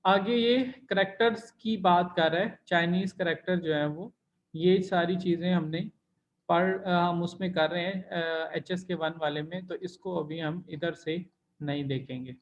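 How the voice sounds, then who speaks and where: A man's voice: on the high side, steady tone, unhurried, dull audio. A man teaching an online language class, explaining patiently step by step and drawing out sounds to demonstrate tones. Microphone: computer mic in video call.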